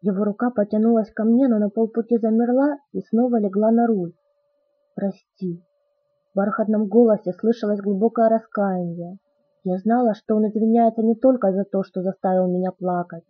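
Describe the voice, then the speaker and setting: A woman reading a novel aloud as first-person narration in a steady, soft storytelling manner. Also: medium pitch, fairly quick, breathy edge, no echo. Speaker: audiobook narrator. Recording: tinny phone-like audio.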